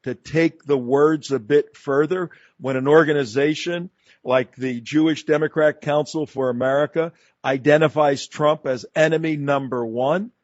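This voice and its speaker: A man's voice: on the high side, fairly even intonation, normal speed, no room sound. A man hosting a talk radio show, speaking emphatically and combatively in long run-on sentences. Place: radio studio. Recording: dull, dry studio broadcast.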